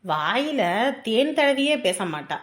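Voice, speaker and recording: A woman's voice: a little high, big pitch swings, slow, roomy sound. A woman playing a chatty younger sister. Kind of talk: web series acting.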